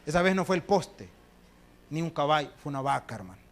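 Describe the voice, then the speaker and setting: A Salvadoran pastor preaching to his congregation, his voice pitched high. He tells stories and acts out the people in them, dropping to a hush and then rising loud, and he keeps calling his listeners brothers. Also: big pitch swings, a little fast. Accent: Salvadoran Spanish. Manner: storytelling with acted quotes, dramatic swings between hushed and loud. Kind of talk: sermon.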